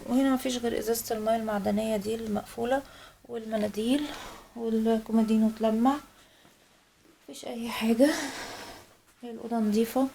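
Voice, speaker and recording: Tired, sighing Egyptian woman, young, slightly high with vocal fry, slow casual vlog delivery. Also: a little hiss or hum. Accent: Egyptian Arabic. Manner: slow, soft-spoken, many filler pauses. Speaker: home vlogger.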